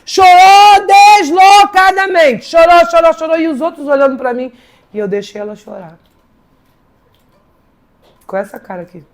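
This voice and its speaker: A woman pastor delivering a sermon, dramatic, swinging between loud preaching and hushed storytelling and repeating words for emphasis. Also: very high-pitched, normal speed, long pauses.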